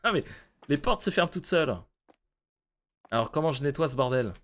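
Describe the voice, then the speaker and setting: Lively, joking young French gamer man. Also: a little high, a little fast. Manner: crude, joking, puts on silly voices. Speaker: gaming streamer. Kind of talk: casual let's play commentary.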